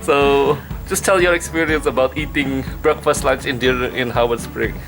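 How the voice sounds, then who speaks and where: Music runs clearly behind a man of average pitch. He is hosting a casual vlog interview and putting questions to his guest. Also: steady tone, moderate pace, rough recording.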